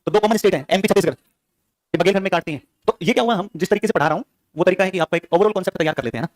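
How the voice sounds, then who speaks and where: A male teacher giving a classroom lecture, quizzing his students with quick questions. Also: high-pitched, no echo.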